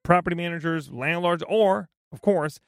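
A woman's voice: lowish voice, normal speed, vocal fry, no room sound, studio quality. A woman hosting a home-repair advice podcast, chatting casually in a playful, joking, self-teasing way. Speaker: podcast host.

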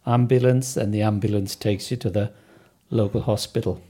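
A middle-aged or older man with a soft Sunderland accent, recalling things hesitantly as an interview guest. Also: on the low side, steady tone, normal speed. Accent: softened Sunderland. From North East England, Sunderland area. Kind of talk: casual recollection in an interview.

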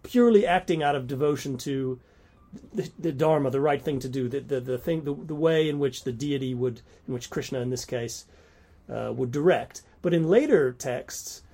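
A man's voice: mid-range voice, moderate pace, dark tone. A man who teaches at a university, talking casually about course lectures, thinking aloud with many restarts and stumbles.

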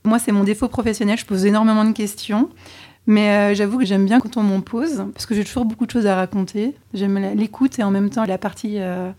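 A chatty woman answering interview questions with a mellow, warm tone. She talks candidly and hesitates now and then as she thinks. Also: mid-range voice, steady tone, fairly quick. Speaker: podcast co-host being interviewed.

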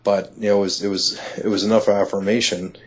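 Low-voiced husky man telling a story. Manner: halting, many restarts and "you know"; excitable, rising when amazed. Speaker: interview guest. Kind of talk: conversational storytelling. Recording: dull lo-fi audio.

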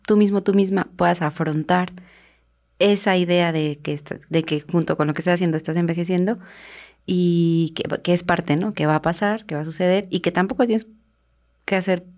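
A woman, co-hosting a casual podcast in a relaxed way with lots of fillers. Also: lowish voice, normal speed. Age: 30s. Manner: relaxed, talks with many fillers. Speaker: podcast co-host.

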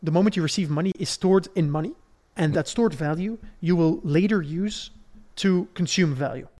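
A Belgian man with a rather high voice hosts a podcast, explaining things conversationally and didactically. He builds his ideas step by step and keeps checking that listeners are following along. His pace is moderate and his sound mellow.

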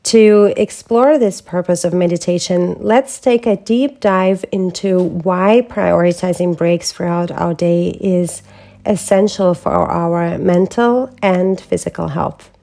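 A woman hosting a wellness podcast, speaking as a holistic health coach in a calm, measured, reflective way from a prepared script. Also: lowish voice, vocal fry. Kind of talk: scripted solo podcast talk.

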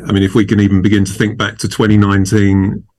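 A man, a CEO on a podcast panel, talking in a measured way with stammering restarts. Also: fairly low pitch, completely flat delivery, darkish tone.

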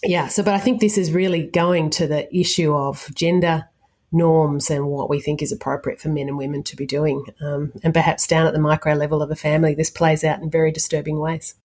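A woman's voice: sits low, little pitch movement, a little fast, a little mellow, breathy edge. A woman giving expert commentary as a guest, hesitant with many fillers and a wry touch. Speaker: academic guest.

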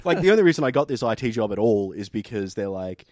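A man's voice: lowish voice, very animated, quick pace, darkish tone, no room sound. An Australian man hosting a casual comedic podcast, telling sweary, blokey stories. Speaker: podcast host.

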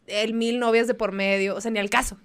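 A young woman with a northern Mexican accent chats on a podcast in a fairly high voice. She tells her stories quickly and casually, full of slang. She laughs often as she talks. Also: flat delivery, slight background noise. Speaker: podcast co-host. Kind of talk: casual chat.

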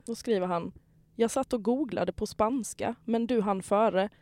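A young woman in casual chat as a podcast co-host, telling dating stories and acting out messages with lively energy. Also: mid-range voice, no echo.

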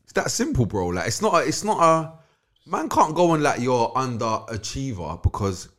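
A man's voice: medium pitch, big pitch swings, normal speed, a bit bright. A man, co-hosting a casual football podcast, teasing and repeating his points. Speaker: podcast co-host.

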